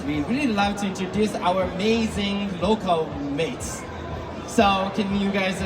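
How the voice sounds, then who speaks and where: A man moderating a live conference panel, cheering on and introducing each guest in an upbeat way. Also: high-pitched. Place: conference stage. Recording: distant mic in a noisy event hall.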